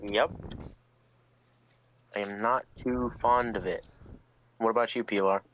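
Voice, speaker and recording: A man's voice: lowish voice, steady tone, takes it slowly, a bit bright, lo-fi sound. A man playing in a tabletop game, answering tersely and reluctantly in character. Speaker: player.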